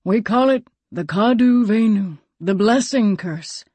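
A woman reading an audiobook, voicing a solemn, slow-speaking old man who serves as a guide. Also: medium pitch, warm tone, no echo, pitched above the performer's own voice, lightly acted.

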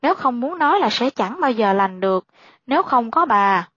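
A woman reads a pushy old male sorcerer in a spoken horror tale. The voice sits fairly high, with a flat, matter-of-fact delivery. The recording is dry and slightly muffled. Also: moderate pace, no room sound. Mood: insistent.

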